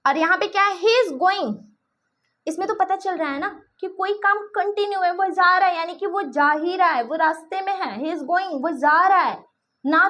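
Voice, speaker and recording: A woman's voice: very high-pitched, pushed and bright. A woman teacher explaining a grammar lesson, speaking examples, often repeating herself and checking that students follow. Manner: repetitive, checks understanding often.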